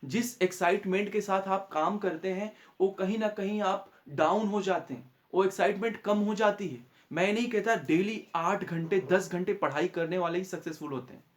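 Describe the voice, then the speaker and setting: A man's voice: high voice, moderate pace, hardly any pauses. A young man, a maths teacher, giving a motivational talk to students, earnestly acting out what neighbours say. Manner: earnest, acts out neighbours' taunts and warnings.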